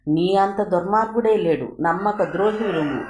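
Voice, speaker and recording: A woman's voice: mid-range voice, normal speed, a little mellow, close to an everyday voice. A woman reading the lines of a grieving young wife who turns bitter and accusing. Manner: accusing, emotional. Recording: echoey room.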